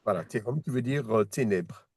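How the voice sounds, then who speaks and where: A man's voice: on the low side, expressive, moderate pace, a little mellow, breathy edge. A man teaching a one-on-one reading lesson, patient, repeating words and restarting his sentences as he explains. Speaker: Hebrew teacher.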